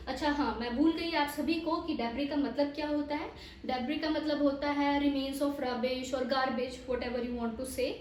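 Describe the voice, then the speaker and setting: A woman with an Indian accent teaches English pronunciation in a high, bright voice, slowing right down to spell words letter by letter. She switches easily between Hindi and English. The recording sounds roomy and echoey, as if she sits a little away from the mic. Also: a little hiss or hum.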